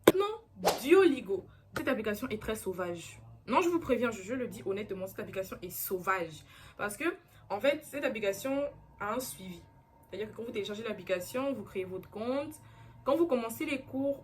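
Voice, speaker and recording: A woman's voice: medium pitch, slight background noise. A young woman vlogging in a casual chat to camera, earnest and chatty, repeating herself and using many fillers.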